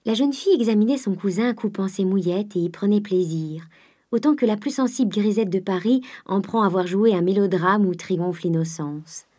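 A woman's voice: medium pitch, moderate pace, warm tone. Woman reading a classic novel aloud. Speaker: audiobook narrator. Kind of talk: scripted narration of a classic novel.

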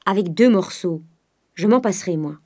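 A woman's voice: fairly low pitch, expressive, normal speed, darkish tone. A woman reading a stingy old miser. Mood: grudging. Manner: terse, grudging. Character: stingy old male miser, curt and controlling.

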